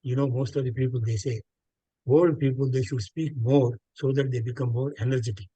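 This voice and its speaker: A man's voice: mid-range voice, fairly even intonation, a little fast, mellow, breathy edge, muffled recording. An older man with a South Indian accent and Telugu as his native language gives reflective interview answers. He explains at length and repeats phrases for emphasis. The sound is dry, with very little room echo. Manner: expansive, explanatory, emphatic repetition. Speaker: interview guest. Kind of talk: reflective interview talk with anecdotes.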